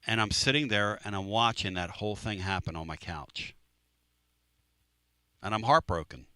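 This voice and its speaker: A man's voice: on the low side, moderate pace, sharp tone, smooth, no echo. A man hosting a sports talk radio show, telling a story in a casual, emphatic way and repeating phrases.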